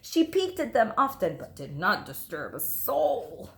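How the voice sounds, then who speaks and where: A woman teacher reading a children's story aloud, expressive and emphatic, speaking to young listeners. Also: mid-range voice, measured pace. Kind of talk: animated storybook narration. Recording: echoey room.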